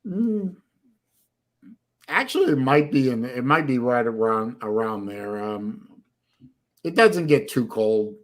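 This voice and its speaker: A man's voice: mid-range voice, expressive, slow, long pauses. A man with a faint Boston accent hosting a casual live stream chat, often stopping and repeating words as he thinks. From Boston area, United States. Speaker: livestream host.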